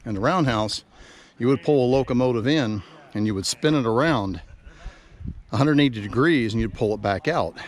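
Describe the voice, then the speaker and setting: A man narrating a casual travel vlog outdoors, talking eagerly as he walks and points things out, with outdoor sound behind him. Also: mid-range voice. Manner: chatty, enthusiastic tour-guide talk. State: out of breath while climbing. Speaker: vlogger. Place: outdoors at a railroad overlook.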